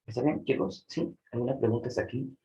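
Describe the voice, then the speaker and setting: A man with a Peruvian Spanish accent teaching a language class, checking in with students often and filling pauses with "este". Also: mid-range voice, warm tone, highs cut off. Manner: explains with frequent checks like "¿no?" and fillers "este". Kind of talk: online class lecture.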